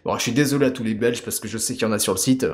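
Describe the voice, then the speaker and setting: A man from France, a parody creator, chatting casually in an animated, self-mocking way with many hesitations. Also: mid-range voice, rapid-fire. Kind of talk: casual chat.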